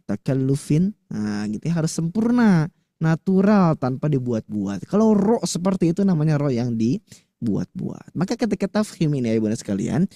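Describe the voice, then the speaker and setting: A man teaching Quran recitation to women in a lively, chatty way, slowly demonstrating letter sounds. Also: medium pitch, dry recording, studio quality. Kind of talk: tajwid lesson to women listeners.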